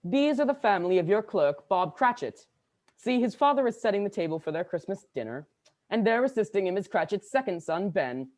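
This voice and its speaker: A jolly giant spirit of Christmas, played by a woman, speaking with big swoops of pitch. The delivery is commanding and theatrical, in the manner of a radio play. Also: animated, a little fast, darkish tone, close to an everyday voice. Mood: genial, guiding. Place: student performer on a video call.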